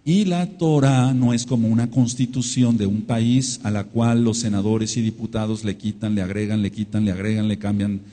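Mexican preacher man, mellow voice in reverb. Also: on the low side, steady tone, moderate pace, hardly any pauses. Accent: Mexican Spanish. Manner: repeats phrases for emphasis, exclaims amen and hallelujah. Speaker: congregation teacher. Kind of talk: sermon-style Torah study. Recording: long hall reverb.

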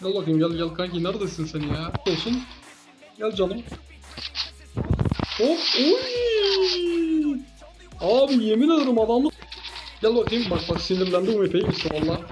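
A man giving excitable gameplay commentary as a gaming YouTuber, teasing his opponent with playful trash talk. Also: sits high, fairly quick, pauses often, over music, poor audio.

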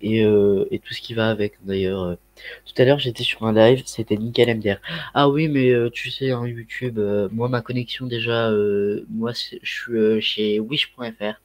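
Chatting loosely on a livestream over a headset mic, this man has a Ch'ti accent from northern France and leans heavily on slang and fillers as he rambles. His voice is fairly low and darkish, with a steady tone at a normal speed.

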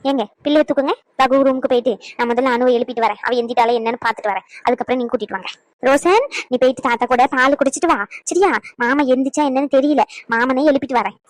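Hurried middle-aged mother, played by a woman, cartoon, bossy, fast talker. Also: high-pitched, dry recording, lightly acted, low-quality recording. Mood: coaxing. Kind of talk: cartoon voice acting.

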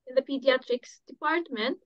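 High-voiced woman from Syria, dull audio. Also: moderate pace. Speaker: pediatrician.

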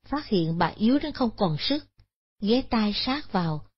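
A woman narrating a Buddhist moral story in a steady, solemn manner. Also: medium pitch, measured pace, breathy edge. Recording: dull lo-fi recording.

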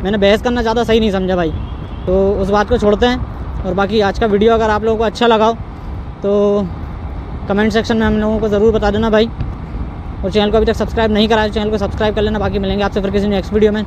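A man vlogging about his motorbike outdoors on a city street, talking in a calm, placating way and repeating himself a lot. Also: high voice, fast talker. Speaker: motovlogger. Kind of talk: casual vlog talk. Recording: street traffic noise behind.

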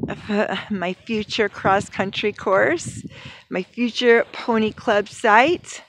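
A woman's voice: mid-range voice, background noise. A woman in her late forties giving a chatty, rambling vlog tour of her horse barn and farm, laughing often and speaking into a phone at arm's length. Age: late 40s. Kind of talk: casual walk-and-talk vlog. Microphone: phone held at arm's length.

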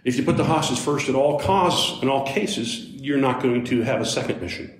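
A man giving a motivational talk in a big, roomy hall, his mid-range voice ringing off the walls. He tells his story conversationally, turning to the crowd with quick asides, then suddenly leaps higher and louder to drive a point home. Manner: animated storyteller with sudden jumps up in pitch and loudness. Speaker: motivational speaker. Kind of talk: live storytelling talk to a youth audience. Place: large hall with a live audience. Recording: roomy live hall sound.

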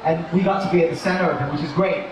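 A man giving a relaxed, rambling live talk as a toy company co-founder. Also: a little high, racing. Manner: relaxed, rambling with fillers and restarts. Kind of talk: casual live presentation. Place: large indoor shopping mall expo. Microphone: distant mic on a live talk. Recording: echoey mall hall, distant mic, crowd noise.

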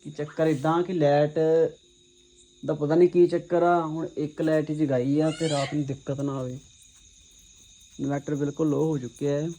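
A man's voice: fairly high pitch, level tone, normal speed, pauses often, mellow. A man narrating a casual family vlog at home. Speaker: family vlogger. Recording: faintly noisy home recording.

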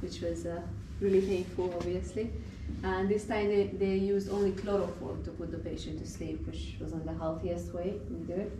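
A woman's voice: on the low side, fairly even intonation, moderate pace, hardly any pauses. Distant woman tour guide in echoing underground bunker. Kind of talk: guided tour talk with explanations. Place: tiled rooms of an underground bunker museum. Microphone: visitor's handheld camera, some distance away. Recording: roomy, distant, noisy underground bunker recording.

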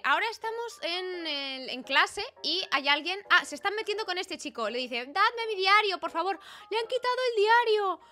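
Bright high-voiced Spanish woman gaming host. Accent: Peninsular Spanish. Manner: chatty and exclamatory, reading game choices aloud. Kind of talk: casual let's-play commentary.

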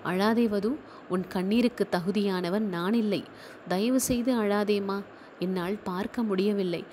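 Brief: a woman voicing a guilt-ridden young man in an audiobook, soft and begging. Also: mid-range voice, unhurried, a little hiss or hum, close to an everyday voice. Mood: pleading. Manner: pleading, pained. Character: remorseful young man pleading for forgiveness.

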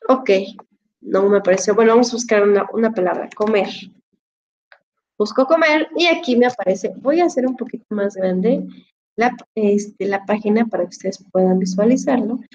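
A woman teaching English online explains a dictionary app to her students through a headset, patient, formal, and heavy on fillers. She has a mid-range, slightly mellow voice and talks at normal speed, and the audio sounds dull.

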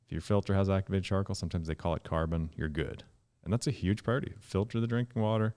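A man in his thirties, a guest scientist on a podcast, explaining in an animated way and jumping up in pitch to stress points, recorded in a dark studio on a studio mic. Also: quick pace. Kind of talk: podcast conversation. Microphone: studio mic with headphones.

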